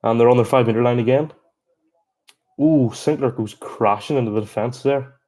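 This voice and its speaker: A man giving chatty, excitable live reaction commentary on a rugby match, breaking into exclamations. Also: mid-range voice, moderate pace. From Ireland. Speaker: sports reaction streamer.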